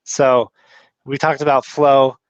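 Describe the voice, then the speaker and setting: A man's voice: mid-range voice, flat delivery, takes it slowly, no echo, lo-fi sound. Chatty male live stream host, dry sound. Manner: chatty, reads viewer comments aloud. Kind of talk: casual live stream chat.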